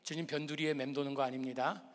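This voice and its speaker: A male pastor preaching in a slightly high voice, which trails off in the long reverb of a church sanctuary. He talks to the congregation in a conversational way. He uses rhetorical questions and touches of humor. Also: steady tone, quick pace. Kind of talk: sermon.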